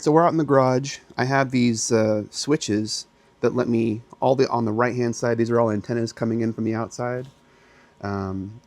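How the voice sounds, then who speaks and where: In a lowish, darkish voice, a man who hosts and dabbles in amateur radio gives a casual, plain-spoken tour that starts outdoors by a house and then heads into a garage and a small radio room.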